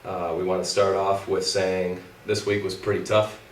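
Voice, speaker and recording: A man's voice: deep voice, flat delivery, normal speed. A young man in his twenties, nasal and congested from a cold with a scratchy throat, casually recapping his week of physical therapy school as co-host. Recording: roomy, far from the mic, faint noise.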